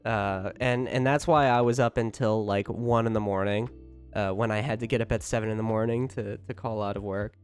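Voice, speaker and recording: Brisk and steady in tone, a fairly low-pitched male voice rambles on to a livestream chat, casual, chatty and peppered with swearing. Music plays in the background.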